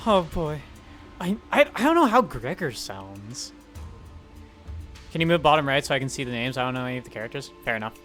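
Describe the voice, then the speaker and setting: A man's voice: mid-range voice, very animated, brisk, long pauses, a bit bright, soft background music. A playful man chatting and laughing as a streamer while they read a game together. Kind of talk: casual chat while reading a game together.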